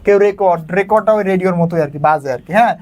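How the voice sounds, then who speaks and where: Fast-talking tutor, man. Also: high-pitched, a little mellow. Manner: casual, talks quickly, checks in with students often. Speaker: teacher. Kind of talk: exam lesson explaining a Bangla story.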